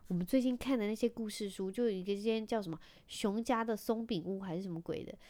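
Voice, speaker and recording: A woman's voice: mid-range voice, quick pace, dark tone. A woman in her thirties with a Taiwanese Mandarin accent, chatting casually as a host and telling wry, self-mocking stories about her family. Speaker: podcast host, mother. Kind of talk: casual storytelling chat.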